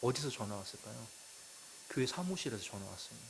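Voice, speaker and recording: A man preaching a sermon as a pastor. He tells stories, asks the congregation questions, and moves between loud emphatic phrases and quiet asides. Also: mid-range voice, expressive, quick pace, vocal fry, a little hiss or hum, low-quality recording.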